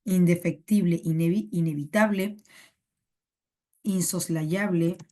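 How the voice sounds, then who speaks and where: A young Peruvian woman teaches a live online class in a slow, unhurried way, drilling synonyms again and again. Her voice is low-set and warm, heard through a computer microphone. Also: steady tone. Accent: Peruvian Spanish.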